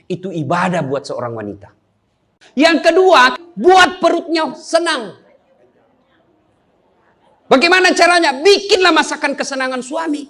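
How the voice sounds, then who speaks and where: A man's voice: very high voice, fairly bright tone. A man giving a humorous sermon, joking and teasing his listeners with questions. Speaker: Islamic preacher.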